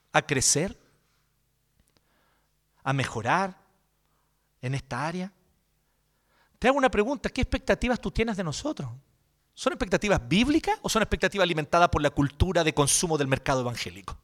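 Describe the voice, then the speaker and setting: A man with a Chilean accent, a pastor preaching a sermon in an animated, joking, colloquial way. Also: high-pitched, normal speed, pauses often.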